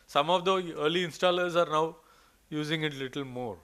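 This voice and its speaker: A slightly high, smooth and somewhat bright voice at a moderate pace belongs to a man with an Indian English accent presenting research slides in a conference hall, then taking questions. His delivery is hesitant, with many fillers and restarts.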